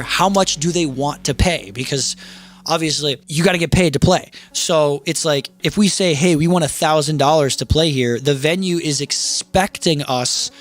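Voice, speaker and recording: A young man, a band singer and vocal teacher, rambling casually on a livestream, swearing freely and acting out quotes in animated voices. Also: on the high side. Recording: faint background music.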